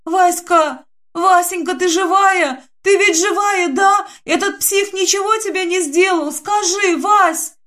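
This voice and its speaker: A woman voicing a frightened, tearful young woman who talks in a high, breathless, pleading rush. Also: slow, a bit bright, full character voice. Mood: frantic.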